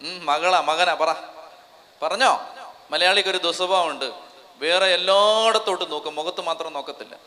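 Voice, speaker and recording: Bright, fervent man preaching in a hall. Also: high-pitched, moderate pace. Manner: fervent, urges the crowd to repeat phrases aloud. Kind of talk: convention sermon. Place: large convention hall. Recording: long reverb of a large hall.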